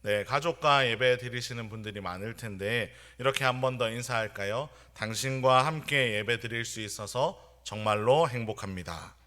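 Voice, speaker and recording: Bright-voiced young pastor preaching. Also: male voice, mid-range voice. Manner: earnest, measured preaching with anecdotes. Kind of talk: sermon. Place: church sanctuary.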